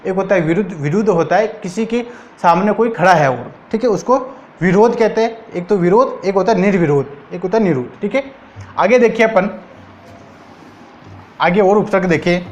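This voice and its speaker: Rajasthani guy teaching hindi grammar, highish voice, says every word twice and keeps asking the class. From India. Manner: repeats each word slowly and asks the class questions. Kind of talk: exam-prep grammar lesson.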